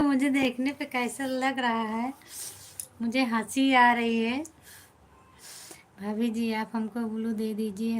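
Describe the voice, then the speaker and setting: Fairly high in pitch and marked by an Awadhi accent, a woman hosts a relaxed live stream, reading out viewer comments and playfully teasing people as she responds in a friendly, talkative way. There's slight background noise.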